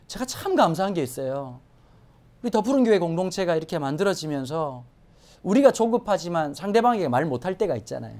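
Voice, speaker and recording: A woman pastor preaching a Sunday sermon in a church, swinging from hushed asides to emphatic exclamations. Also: fairly low pitch. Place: church sanctuary.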